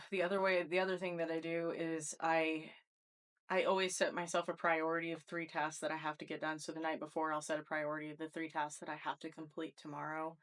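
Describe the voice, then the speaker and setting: Chatty mom co-host, low voice. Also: female voice, fairly bright tone. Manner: laughs often, talks things through in long stretches. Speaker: podcast co-host. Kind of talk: casual chat.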